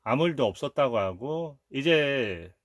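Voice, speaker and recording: Lively man retelling a film. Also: medium pitch, measured pace, no room sound, studio quality. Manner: retells scenes, acting out characters' lines in quotes. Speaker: film reviewer host. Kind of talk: casual film commentary.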